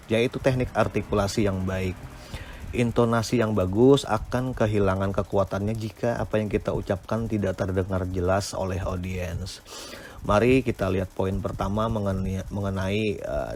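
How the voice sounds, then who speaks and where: A man's voice: fairly low pitch, a little mellow, slight background noise. A man giving an academic lecture on speaking technique, explaining step by step with frequent hesitant "eh" fillers.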